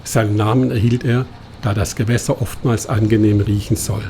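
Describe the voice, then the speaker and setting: A man narrating a travel documentary in a calm, measured scripted voice-over. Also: lowish voice, slight background noise.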